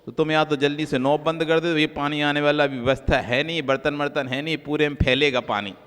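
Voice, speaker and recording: A male Jain monk giving a sermon, repeating key phrases and moving between soft low asides and raised, emphatic lines. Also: fairly even intonation, brisk, clean tone. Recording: long hall reverb.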